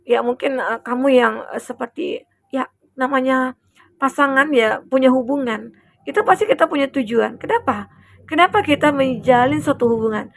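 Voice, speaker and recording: A woman's voice: fairly high pitch, gravelly, no room sound. A woman with an Indonesian accent giving a casual general tarot reading, chatty and full of fillers, acting out what the other person thinks. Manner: chatty, many fillers and acted quotes, soft asides. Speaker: tarot reader.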